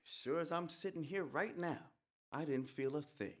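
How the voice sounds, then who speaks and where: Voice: mid-range voice, normal speed, natural voice. A performer playing a young male soldier who has come back from death, telling his tale in a folksy rural dialect as a dramatic monologue. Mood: eerie folksy. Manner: folksy storytelling with rural dialect, whispered hisses. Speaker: stage performer. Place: live event at an art museum.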